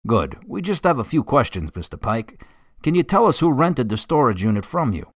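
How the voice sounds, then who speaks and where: An actor playing a businesslike, courteous police officer in a radio drama, direct and plain-spoken. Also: male voice, medium pitch, sing-song, normal speed, no room sound, studio quality. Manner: direct, polite, questioning.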